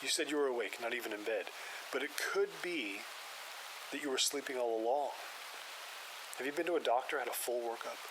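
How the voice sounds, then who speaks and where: In an audio drama, a man plays a calm, skeptical paranormal investigator who explains things in a measured, clinical way. His natural voice sits in the mid range, and the recording carries hiss and rain noise.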